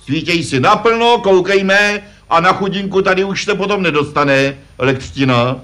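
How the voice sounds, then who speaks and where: A man's voice: high-pitched, pushed and bright. A man voicing a pompous, know-it-all puppet father in a vintage puppet comedy sketch, lecturing his son. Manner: self-important, lecturing, fond of "že jo". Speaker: puppet performer.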